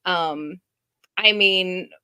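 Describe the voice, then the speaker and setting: A woman's voice: fairly low pitch, extremely slow, sharp tone, smooth. Chatty woman podcast co-host. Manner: chatty, laughs often. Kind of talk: casual podcast chat. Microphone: streamed video call.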